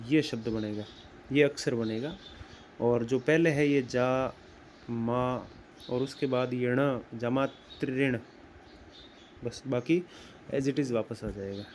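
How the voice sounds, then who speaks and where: A man teaching grammar, explaining slowly and deliberately and repeating words as he writes them out. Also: medium pitch, a little mellow, a little hiss or hum. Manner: slow and deliberate, repeats words while writing. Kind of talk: explaining at a whiteboard.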